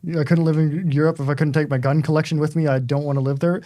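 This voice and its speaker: A man co-hosting a game livestream, talking casually in halting bursts with many pauses and restarts. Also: fairly high pitch, steady tone, warm tone, dry recording. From United States. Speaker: stream co-host. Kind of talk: casual chat while gaming.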